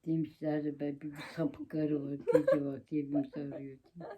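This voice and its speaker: A woman's voice: low-pitched, flat delivery, fairly quick, mellow, breathy edge. A chatty woman in her seventies, a grandmother talking casually and colloquially. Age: 70s. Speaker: grandmother making prank calls. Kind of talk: casual chat and prank calling.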